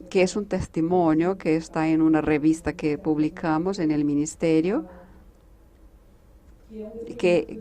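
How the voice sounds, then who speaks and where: Speaking on a conference panel, a female Brazilian diplomat whose first language is Portuguese talks in a low, warm voice marked by her Brazilian accent. Her delivery is careful and hesitant, with frequent restarts.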